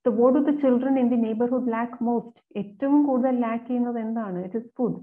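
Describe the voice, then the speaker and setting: Woman tutor going thru exam questions, reads slow then explains fast, sounds like over a phone. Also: fairly high pitch, phone-quality sound. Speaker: exam coaching teacher. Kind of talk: explaining exam questions, mixing Malayalam and English.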